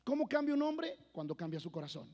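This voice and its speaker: High-voiced preacher man in a reverberant hall. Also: big pitch swings, fast. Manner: swings between loud preaching and hushed personal storytelling. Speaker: pastor. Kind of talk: sermon. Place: church. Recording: long church hall reverb.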